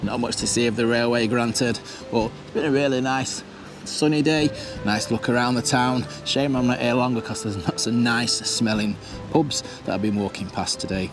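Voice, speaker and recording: A man gives casual walking-tour commentary outdoors, chatty and full of restarts and asides to the viewer. His voice sits at an ordinary middle pitch. Clear music plays behind him. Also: steady tone, normal speed. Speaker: travel vlogger and host. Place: outdoors, walking through town streets. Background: background music.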